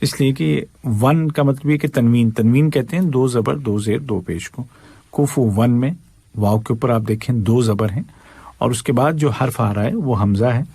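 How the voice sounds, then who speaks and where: A man teaching Quran recitation, patiently explaining pronunciation rules and demonstrating each verse in a slow, drawn-out chant. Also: medium pitch, creaky, warm tone, slightly rough, no echo.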